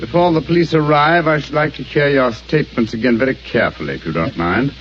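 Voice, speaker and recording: An actor playing Sherlock Holmes, a brisk and commanding English detective, speaking in a crisp, precise and confident way in a radio drama. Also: male voice, mid-range voice, a bit bright, soft background music, natural voice. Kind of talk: 1940s radio acting. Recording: muffled old radio broadcast, faint hiss.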